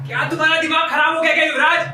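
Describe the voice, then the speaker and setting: A man's voice: very high-pitched, level tone, rapid-fire, bright, forceful tone, slight background noise, heavily acted. A man on stage playing a family friend who scolds the grieving son and urges the mother to wake. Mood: scolding. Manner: scolding, urgent. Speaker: stage actor. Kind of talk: stage play acting. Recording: very echoey stage from far off.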